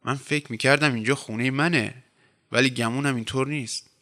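A man's voice: mid-range voice, steady tone, bright, forceful tone. A man reading aloud voices an idle, sardonic young man of twenty-eight with a mocking, detached way of talking.

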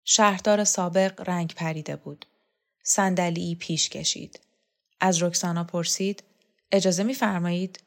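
A woman audiobook reader narrating a novel in a calm, measured way. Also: lowish voice, vocal fry.

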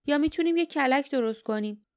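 A woman voicing a steady grown male warrior in an audiobook, tense and insistent. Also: sits high, voice pushed up. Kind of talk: audiobook dialogue.

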